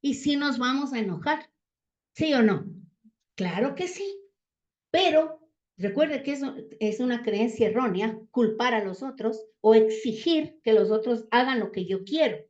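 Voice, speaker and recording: A woman's voice: on the high side, lively intonation, a little slow, a little mellow. A woman giving a Bible teaching talk, constantly checking in with the listeners through rhetorical questions. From Ecuador. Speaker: church teacher. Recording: dull lo-fi sound.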